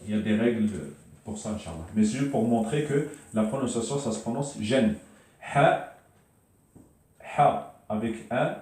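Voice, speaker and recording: A man teaching a beginner's language lesson at a board, patiently repeating syllables and pausing often with hesitations. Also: fairly low pitch, dark tone. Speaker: Arabic teacher. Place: room with a board. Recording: echoey room, voice from a distance.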